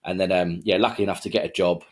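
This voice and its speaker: A man, a podcast guest telling his story in a rambling, relaxed way with many fillers and restarts. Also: sits low, quick pace. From Kent, England. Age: 30s. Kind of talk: casual storytelling interview.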